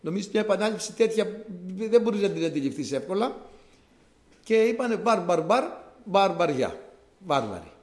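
Male preacher, animated and fairly high-pitched, explaining scripture with repetition, in an echoey church. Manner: explanatory, conversational, repeats key words for emphasis. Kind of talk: sermon.

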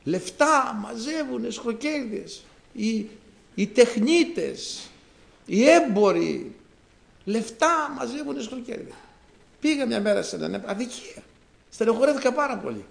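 A man from Greece preaching a sermon to his congregation, talking in an animated way and rising to emphatic outbursts. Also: extremely high pitch, creaky.

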